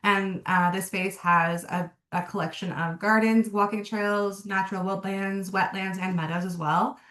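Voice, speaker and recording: A woman moderates a video-call panel. She sounds upbeat and brisk, with a mid-range voice. Her room is echoey. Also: medium pitch, steady tone, fairly bright tone. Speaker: webinar moderator.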